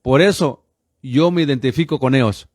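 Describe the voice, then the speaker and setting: A man's voice: mid-range voice, moderate pace, no echo, studio quality. A man in his fifties from the United States, a radio pastor preaching with fervent insistence and constantly addressing listeners as brothers. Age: 50s.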